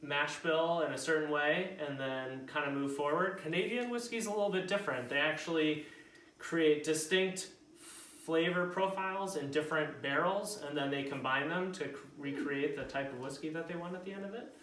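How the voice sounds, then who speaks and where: A man's voice: on the high side, normal speed, a bit bright. Man, casual whisky chat, hesitant explainer, echoey room, faint background noise. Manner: explanatory, hesitant, many ums and likes. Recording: roomy sound from a distant mic.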